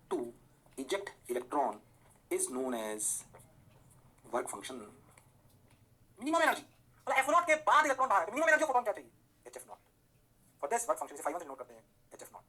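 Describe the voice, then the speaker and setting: Male physics lecturer: quick, bright and forceful, keeps checking that students follow. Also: high-pitched. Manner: keeps checking if students follow, dictates definitions slowly in English; rhyming rapid-fire praise words. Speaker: physics teacher. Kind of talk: classroom lecture.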